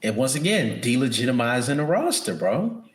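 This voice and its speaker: A man's voice: medium pitch, very animated, moderate pace, roomy sound. A man co-hosting a podcast, talking wrestling in an emphatic, slangy way. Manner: slangy, emphatic, says bro a lot. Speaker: podcast co-host. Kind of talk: casual wrestling chat.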